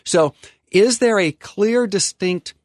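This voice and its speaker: The attorney guest speaks slowly in a high voice, recorded dry with clean studio sound. Preacherly and sincere, he explains estate planning through a faith lens, pausing often to restart with "um".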